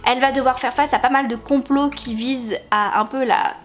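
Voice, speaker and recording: A woman's voice: high-pitched, steady tone, fairly quick. A woman chatting casually about books she bought, hesitating often and laughing now and then. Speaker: book vlogger. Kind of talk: casual book haul chat.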